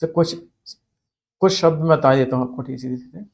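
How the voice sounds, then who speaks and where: A man teaching a spelling lesson, asking questions and answering them himself, repeating key words slowly. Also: mid-range voice, a little mellow. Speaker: Hindi grammar teacher.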